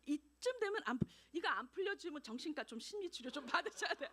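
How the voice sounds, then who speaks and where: Woman missionary preacher: animated storyteller, voice high and swinging. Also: fast. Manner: animated, acts out dialogues, laughs often. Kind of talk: sermon. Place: church.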